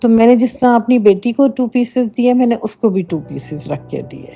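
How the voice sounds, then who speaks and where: A woman's voice: a little high, lively intonation, gravelly, dark tone. A middle-aged woman casually recounting a true haunting from her own home, talking emphatically with many fillers, recorded as a voice note. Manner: emphatic, conversational storytelling with frequent fillers. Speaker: listener sharing a personal story. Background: faint background music.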